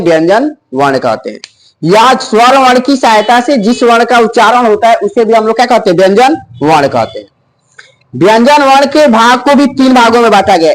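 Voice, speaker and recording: High-voiced man drilling grammar terms. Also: rough recording. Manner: repeats each term slowly and quizzes the students. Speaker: teacher. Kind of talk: exam-prep Hindi grammar lesson.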